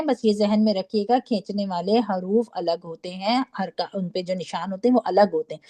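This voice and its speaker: Mellow-voiced woman teaching recitation. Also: mid-range voice. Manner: patient, repeats syllables slowly, checks with "theek hai?". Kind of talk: online class lesson.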